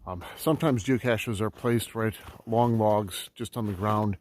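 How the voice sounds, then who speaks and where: A man's voice: fairly low pitch, normal speed, a little mellow, slight background noise. A man narrating a casual outdoor vlog in snowy woods, easygoing and full of ums and uhs, talking to a camera set up on the trail. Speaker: metal detecting vlogger.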